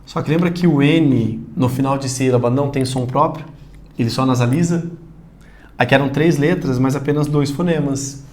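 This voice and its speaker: A man with a Brazilian Portuguese accent teaches a recorded video lesson, speaking straight to the viewer in an animated way. His mid-range voice moves at normal speed, and he loudly shouts out example words.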